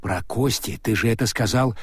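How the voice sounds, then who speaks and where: A man's voice: medium pitch, normal speed, husky, no echo, studio quality, close to an everyday voice. A man voicing a nervous, wry young con man asking anxious questions.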